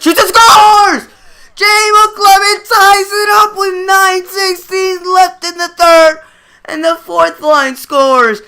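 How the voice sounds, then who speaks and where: A man giving play-by-play hockey commentary over a video game in an excitable broadcaster style that erupts when goals go in. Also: high-pitched, smooth. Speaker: gaming channel host.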